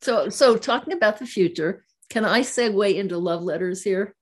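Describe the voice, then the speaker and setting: An older woman interviewing a guest, chatty and warm as she asks personal questions. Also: mid-range voice, moderate pace. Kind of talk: conversational interview.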